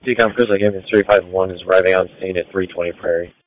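A man's voice: low voice, steady tone, racing. A male ambulance crew member giving status reports and messages over a two-way radio. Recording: dry, slightly muffled radio audio.

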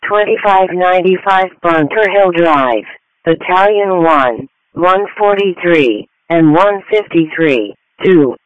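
A man's voice: high-pitched, expressive, slow pace, dry recording. A man's voice reading formal fire dispatch announcements in separated phrases over radio. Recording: narrow, tinny radio channel.

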